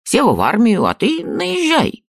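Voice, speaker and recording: A man voicing a gruff, preachy old father. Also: very high-pitched, wildly swooping pitch, measured pace, no echo, clean studio sound, voice pushed up, full character voice. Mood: welcoming. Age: older. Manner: folksy, lecturing, plain-spoken. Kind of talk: audiobook character reading.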